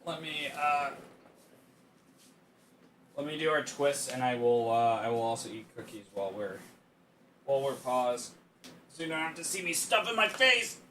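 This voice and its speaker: A man's voice: medium pitch, animated, normal speed, pauses often, pushed and bright. A man streaming a visual novel, chatting casually and reading narration aloud in a playful, self-interrupting way. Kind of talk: casual livestream chat with read-aloud narration.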